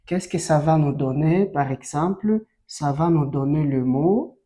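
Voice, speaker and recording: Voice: mid-range voice, a little slow, dark tone. A French teacher giving a lesson on reading syllables, sounding them out one by one, asking learners questions and having them repeat. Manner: drills syllables and has listeners repeat; asks learners frequent questions.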